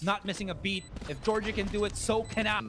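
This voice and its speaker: A man's voice: high-pitched, steady tone, a little fast. A man doing live esports play-by-play commentary as a caster, reacting to the action in a conversational way.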